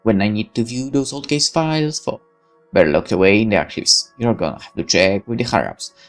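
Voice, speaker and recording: Over soft background music, a man with a lowish voice briskly reads a visual novel's text aloud as a let's player. He turns it into dramatic, sardonic first-person narration, expressive throughout.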